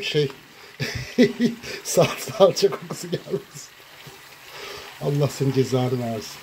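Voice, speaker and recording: A man recording a cooking vlog in his home kitchen, talking dramatically to viewers and breaking into loud, theatrical insults. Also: high voice, a little hiss or hum. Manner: dramatic, shouts insults, addresses viewers as "canlarım". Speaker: cooking vlogger.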